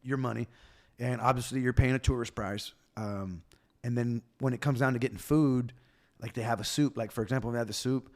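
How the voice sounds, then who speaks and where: A man's voice: mid-range voice, fairly even intonation, a little fast. A man co-hosting a podcast, chatting casually in a laid-back way, swearing often and filling his talk with "like" and "right?". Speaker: podcast co-host.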